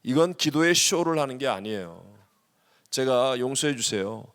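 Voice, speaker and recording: A middle-aged man preaching a sermon as senior pastor, lively and acting out prayers, with swings between loud and hushed. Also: mid-range voice, moderate pace. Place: large church sanctuary. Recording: long hall reverb.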